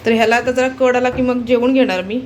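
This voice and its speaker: A woman's voice: fairly high pitch, steady tone, fast talker, a little mellow, a little hiss or hum. Chatty woman home vlogger. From Konkan, Maharashtra. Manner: chatty, keeps calling viewers to look. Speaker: family vlogger. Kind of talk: casual vlog chat to viewers. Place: at home, in the kitchen.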